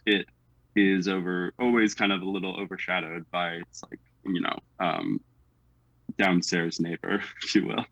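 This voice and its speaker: His voice sits low and steady, gravelly and fairly bright, at normal speed. A young American guest with a General American accent, he chats casually, hesitating, using lots of fillers, and laughing frequently. The lo-fi recording has no room sound.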